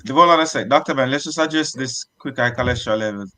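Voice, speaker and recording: A man hosting a talk show, reading out viewer comments in a relaxed, conversational way. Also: medium pitch, quick pace, dry recording. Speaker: host.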